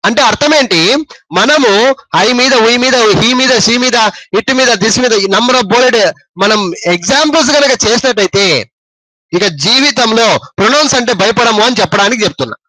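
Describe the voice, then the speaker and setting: A man with a high, bright voice and a Telugu accent teaches an English grammar lesson. He talks slowly and repeats himself, often stopping to quiz his listeners. The sound is dry and close. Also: dry recording, poor audio. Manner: explains slowly, repeats words and quizzes the listeners.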